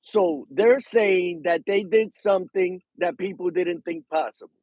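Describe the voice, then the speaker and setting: A man telling a story in casual chat, animated and slipping into Spanish. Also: high voice, unhurried, gravelly, dry recording, low-quality recording. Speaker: boxing show guest.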